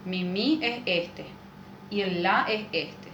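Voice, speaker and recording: A woman's voice: mid-range voice, slow, a bit bright. Music teacher lady, patient explaining, keeps asking "right?", echoey room. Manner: patient, explanatory, asks rhetorical questions with "¿verdad?". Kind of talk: explaining music theory lesson. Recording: echoey room with faint noise.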